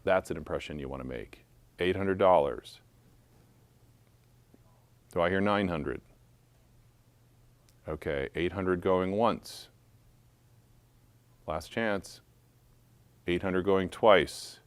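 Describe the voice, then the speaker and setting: A man with a deep, low voice runs a benefit auction, calling bids and tossing in playful jokes as he goes. The sound is dry and close, with no room echo. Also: takes it slowly, long pauses. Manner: playful, joking asides between bids. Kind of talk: live charity auction calling.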